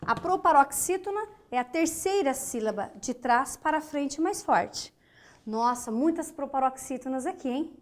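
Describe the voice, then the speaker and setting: A woman's voice: high voice, animated, unhurried. A woman teaching grammar with a Brazilian Portuguese accent, counting syllables aloud and checking in with her students as she goes. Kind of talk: recorded online grammar lesson at a board. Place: lesson studio with a whiteboard.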